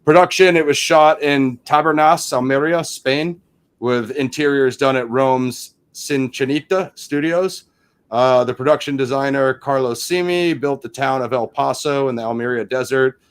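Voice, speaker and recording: A man's voice: medium pitch, fairly even intonation, normal speed, clean tone. A man hosting a casual film review chat, reading out trivia and riffing on it with lots of "you know". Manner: reads trivia then riffs on it; chatty, many fillers like "you know". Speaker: podcast host.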